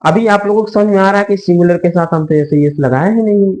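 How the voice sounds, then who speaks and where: A man teaching a grammar lesson, asking questions and answering them himself, slowly spelling out example sentences. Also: sits high, darkish tone, low-quality recording. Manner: asks and answers his own questions, drawn-out example sentences. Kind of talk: Hindi-medium grammar lesson.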